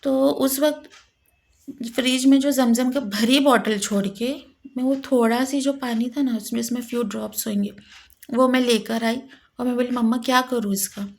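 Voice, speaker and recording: A woman telling a personal story with emotion, halting and repeating herself. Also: a little high, fairly even intonation. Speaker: vlogger.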